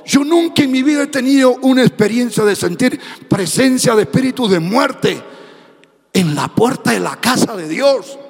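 A man preaching a fiery sermon as a pastor, shouting and half-singing his phrases. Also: very high-pitched, gravelly, husky, long reverb tail. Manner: speaking in tongues.

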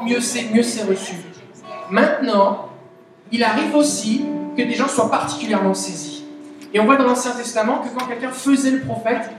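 A woman with a Québécois French accent preaching a chatty, animated sermon, asking the audience questions. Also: fairly high pitch. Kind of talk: conversational sermon. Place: church meeting hall. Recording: very echoey hall, voice from a distance. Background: soft guitar music.

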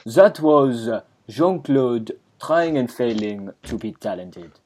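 A man co-hosting a comic podcast, throwing in quick, playful interjections. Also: medium pitch, lively intonation, darkish tone, rough recording. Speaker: podcast co-host. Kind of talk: casual comic podcast chat.

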